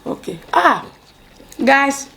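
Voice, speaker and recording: A West African woman with a fairly high voice and some creak, talking casually over a meal of soup. She banters and repeats her phrases, with little hums as she eats. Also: very animated, very slow, fairly bright tone. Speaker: wife in a couple's mukbang video. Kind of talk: casual chat while eating soup.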